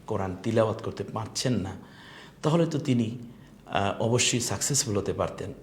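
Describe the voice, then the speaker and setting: A man's voice: fairly low pitch, slight background noise. A man teaching an online lesson on Quran recitation, patiently modelling each letter sound for the learner to repeat.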